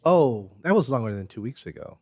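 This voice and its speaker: A man in casual podcast chat who talks hesitantly, halting and repeating himself. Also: mid-range voice, very animated, dark tone, dry recording.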